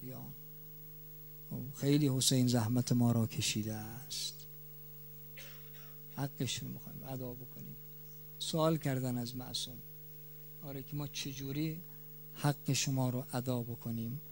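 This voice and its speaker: A man delivers a mourning sermon, his medium-pitched, creaky voice rising loud and falling soft while he draws out key words slowly for emphasis. His intonation stays fairly even, and there's a slight hiss or hum.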